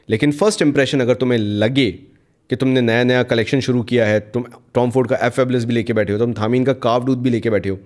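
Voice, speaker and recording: A man reviewing perfumes in a casual chat, switching between Hindi and English and talking straight to the viewer. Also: mid-range voice. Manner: chatty Hindi-English code-mixing, animated, addresses viewer directly. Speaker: fragrance reviewer.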